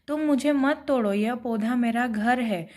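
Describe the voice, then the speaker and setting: A woman teacher voicing a gentle male rose flower that pleads not to be picked, read slowly from a children's storybook. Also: fairly high pitch, natural voice. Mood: pleading.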